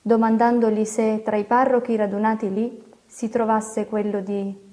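A woman narrating a classic novel aloud as an audiobook, in a steady, expressive reading. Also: on the high side, moderate pace.

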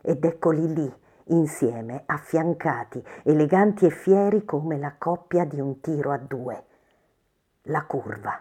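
A woman narrating a story in a measured, expressive reading style. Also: low voice, slightly rough.

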